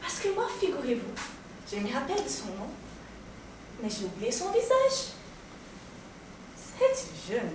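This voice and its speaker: An actress playing a confused, frightened teenage girl in a stage monologue, swinging between hushed murmurs and shrill cries, recorded from far off in an echoey hall. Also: wildly swooping pitch, a little slow, long pauses, noisy background, full character voice. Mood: dreamy. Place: theater stage.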